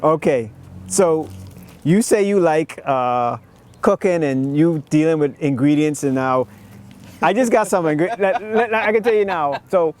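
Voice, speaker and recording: A man's voice: a little high, a little slow, darkish tone. A Bahamian man hosting a casual talk show, laughing often and stumbling over repeated words. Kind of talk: casual chat.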